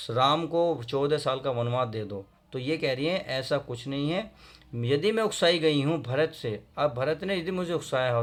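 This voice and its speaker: A man teaching a Hindi poem to school students, reading verse lines slowly and then explaining them in plain, friendly talk. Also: on the high side. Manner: addresses students fondly, often asks if they understood.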